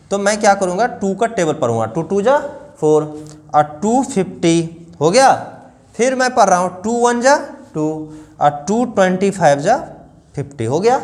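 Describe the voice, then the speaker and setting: A man's voice: high voice, a little mellow. A man teaching a math lesson to children, explaining each step and often asking the class questions.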